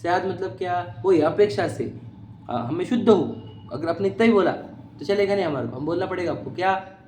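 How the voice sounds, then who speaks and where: A man's voice: high voice, expressive, a little fast, darkish tone, a little hiss or hum. A man giving an explanatory religious lecture on philosophy, often asking his listeners whether they follow. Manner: keeps checking that listeners follow. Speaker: teacher of Jain philosophy. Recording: echoey room.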